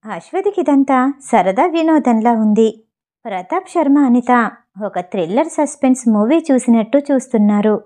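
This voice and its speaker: Mellow-voiced woman reading a novel. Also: fairly high pitch, expressive, normal speed. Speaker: audio novel narrator.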